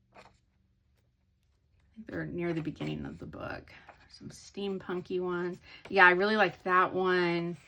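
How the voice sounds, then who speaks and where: A woman's voice: lowish voice, lively intonation, measured pace, creaky, pauses often, highs cut off, a little hiss or hum. A woman chatting casually in a hobby haul video, rambling with many ums and restarts. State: sleepy, yawning. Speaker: hobby vlogger.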